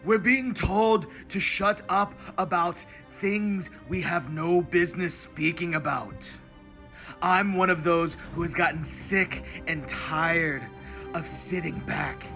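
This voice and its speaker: A man's voice: high voice, pushed and bright, exaggerated voice. A man giving a hammy, theatrical dramatic reading as an angry, aggrieved male board game hobbyist ranting online. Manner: reads punctuation marks aloud. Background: music.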